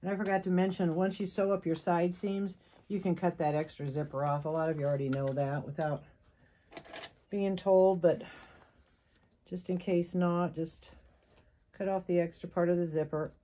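A woman's voice: lowish voice, fairly even intonation, moderate pace, dark tone. A middle-aged woman giving a casual sewing tutorial, chatty and encouraging as she thinks aloud while she works. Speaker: sewing instructor.

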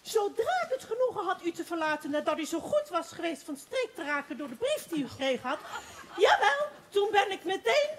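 A woman acting an excitable gossiping townswoman in a stage play, rambling and breathless with giggles. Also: very high-pitched, fast talker, hardly any pauses, a little hiss or hum. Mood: excited gossip.

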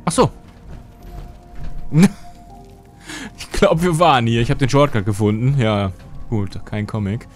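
Streaming a game from his home gaming room, a young German-speaking man talks into a headset mic over faint game music. His mid-range voice is a little slow and he pauses often. He rambles in a chatty way, reading his viewers' chat and answering their messages in a casual live stream.

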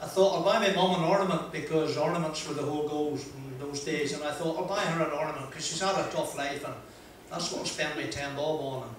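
Holding a handheld mic before a seated audience in a large wood-panelled function room, an older motivational speaker from Northern Ireland tells a rambling anecdote at his own expense, his slightly high voice keeping a steady tone. He's chatty, pausing with "uh" and laughing often. The recording is distant and echoey, with slight background noise.

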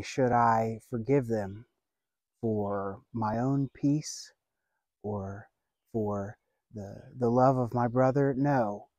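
Seated at a lakeside, a pastor in his thirties gives an earnest sermon outdoors, speaking slowly with long pauses and building points in measured phrases. His warm, mellow, medium-pitched voice is recorded close and dry through a lapel mic.

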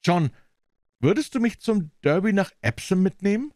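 A man voicing an eager young woman who fires off quick, urgent questions. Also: lively intonation, a little mellow, dry recording, clean studio sound, lightly acted. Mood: pleading. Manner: raised pitch, urgent questions.

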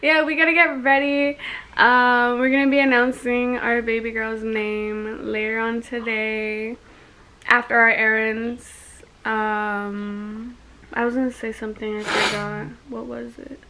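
A woman's voice: on the high side, little pitch movement, unhurried, pushed and bright. A young woman vlogging casually from a car, giggly and rambling, with a slight lisp from retainers. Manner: giggly, rambling with many likes. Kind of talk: casual vlog chat.

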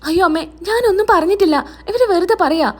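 A woman voicing a meek young wife who gives soft, hesitant replies. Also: very high-pitched, quick pace. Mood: hurt.

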